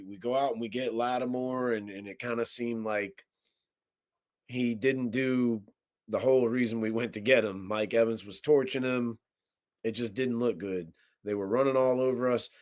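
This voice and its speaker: A man's voice: medium pitch, fairly even intonation, normal speed, a little mellow. A man co-hosting a sports podcast, talking through a game in a thoughtful, rambling way with frequent restarts. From Washington DC area. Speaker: podcast co-host. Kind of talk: casual sports chat.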